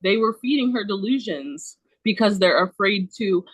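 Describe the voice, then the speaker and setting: A woman's voice: medium pitch, lively intonation, normal speed, husky, no room sound, low-quality recording. Woman, 30s, podcast guest. Casual, emphatic storyteller, swears a lot, heavy on "like". Dry sound. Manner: emphatic, profane, many "like" fillers.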